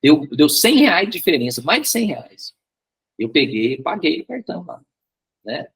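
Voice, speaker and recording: A man's voice: fairly high pitch, sing-song, unhurried, gravelly, fairly bright tone, slightly rough. A man teaching a Bible study and telling a personal story, often repeating words and tagging his sentences with questions.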